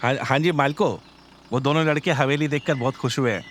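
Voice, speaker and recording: A man's voice: mid-range voice, fairly quick, fairly bright tone, a little hiss or hum, pitched above the performer's own voice, natural voice. A man voicing an eager, fawning property broker in a horror audio drama. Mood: salesy. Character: pushy smooth-talking male property broker.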